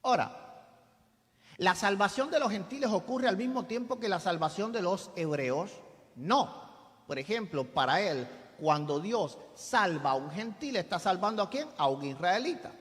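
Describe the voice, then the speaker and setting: A man's voice: high-pitched, animated, moderate pace, a bit bright, in a large hall. A man arguing a biblical point in a debate, asking his audience rhetorical questions with emphasis. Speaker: debater, preacher. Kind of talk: debate argument, preaching.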